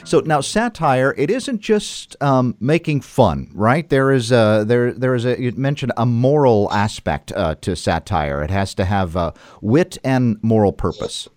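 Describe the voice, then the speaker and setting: A man hosting a radio interview, asking measured, thoughtful questions. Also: mid-range voice, expressive, darkish tone, no echo, faint music behind. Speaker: radio host.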